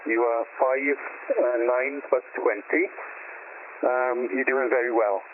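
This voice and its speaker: A man's voice: mid-range voice, fairly even intonation, slow pace. Polite man over a two-way radio. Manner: polite and friendly, using radio call signs. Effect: heard over a two-way radio. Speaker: amateur radio operator. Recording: tinny radio link with faint noise.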